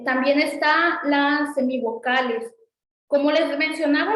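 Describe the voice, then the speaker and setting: A woman's voice: sits high, echoey room, poor audio. A woman teaching an introductory language class, patiently repeating example words. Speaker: Sanskrit teacher. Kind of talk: online class explanation.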